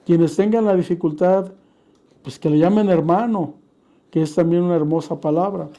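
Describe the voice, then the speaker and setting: A man teaching in a measured sermon style, steadily citing scripture verses as he explains. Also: sits high, warm tone, highs cut off.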